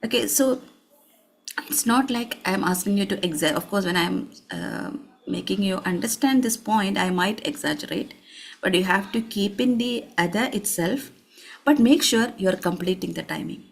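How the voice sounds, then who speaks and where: A woman teaching a children's Quran reading class, stretching sounds slowly and often asking if the students understood. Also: mid-range voice, gravelly. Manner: slow, drawn-out letter demonstrations; checks in with "Understood?". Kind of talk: online class instruction.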